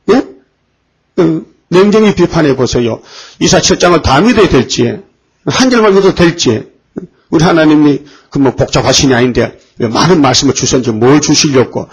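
A man preaching a sermon, often pausing to put questions to the congregation. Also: fairly high pitch, husky, rough recording. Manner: rhetorical questions to the congregation, frequent fillers.

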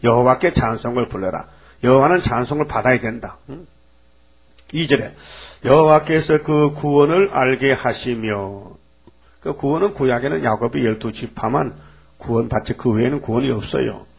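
Husky preacher. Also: male voice, mid-range voice, fairly quick, lo-fi sound. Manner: rhetorical questions to the congregation; blunt, folksy. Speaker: pastor. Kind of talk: sermon.

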